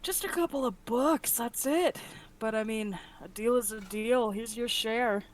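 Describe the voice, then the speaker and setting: A woman's voice: fairly high pitch, unhurried, lightly acted. A woman voicing a scruffy, eager male adventurer who haggles and talks in breathless bursts. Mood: winded.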